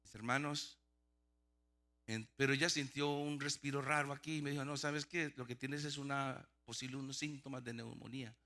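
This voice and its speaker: A man's voice: mid-range voice, steady tone, normal speed, bright, forceful tone. A middle-aged male pastor telling a personal testimony in a sermon, acting out the dialogue with frequent restarts. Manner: storytelling, acts out dialogue, many restarts.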